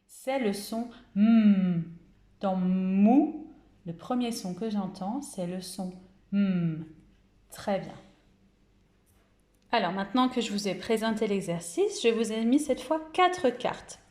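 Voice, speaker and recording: In an echoey room, a woman from France who teaches kindergarten records a home-school lesson, her medium-pitched voice animated. Each syllable is stretched out slowly and with careful articulation.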